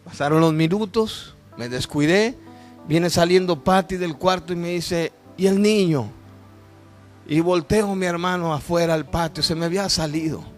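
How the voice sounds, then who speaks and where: A middle-aged man, preaching a sermon testimony and moving between hushed and shouted emotional storytelling. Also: a little high, normal speed, soft background music.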